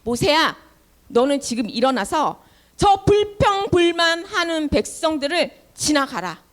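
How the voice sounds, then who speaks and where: A woman's voice: sits high, very animated, a little slow, pitched above the performer's own voice. A woman voicing God giving firm instructions to his servant in a children's sermon. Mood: commanding. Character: commanding divine voice of God.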